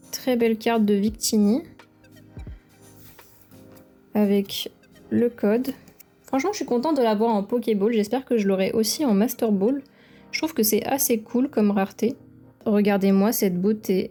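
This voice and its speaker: With faint music playing underneath, a young card-opening creator talks eagerly through her pack openings and admires every card. Her voice is fairly high-pitched yet dark in tone.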